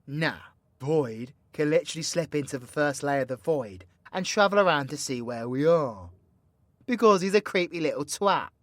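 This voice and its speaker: A man voices a brash British supervillain in an audio drama, scheming aloud in an intimate monologue to the listener while cheekily coaching an ally in theatrical, swear-laden slang. His slightly high voice is expressive and a bit bright, moving through wide pitch swings at normal speed, with an instructive edge. The recording is close and dry, without room sound.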